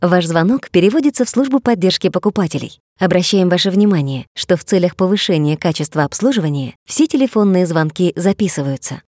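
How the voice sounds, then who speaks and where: Lively phone menu woman, lower-pitched voice. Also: fairly quick, hardly any pauses, no room sound, studio quality. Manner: polished, formal customer-service delivery. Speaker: voice-over announcer for phone menus and adverts. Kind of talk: scripted phone menu voice, recorded announcements.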